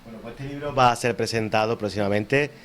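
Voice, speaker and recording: A man with an Andalusian Spanish accent hosting a local TV interview, asking measured, leading questions. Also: mid-range voice, fairly bright tone. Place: local TV studio.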